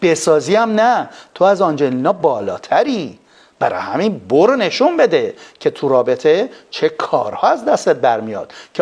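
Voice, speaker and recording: A man, a psychologist, giving an animated lecture on a live stream, full of rhetorical questions. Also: fairly high pitch, slightly rough. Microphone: phone.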